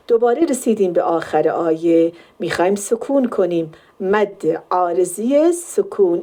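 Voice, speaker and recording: In a Quran recitation lesson, a woman with a mellow, dark, mid-range voice explains each point step by step. She stretches the sample words out slowly to show how long every sound is held.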